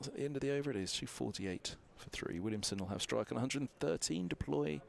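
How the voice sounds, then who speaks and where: A man's voice: medium pitch, animated, fast, vocal fry. A man commentating on cricket from a balcony box, chatty and analytical, thinking aloud through scores with fillers.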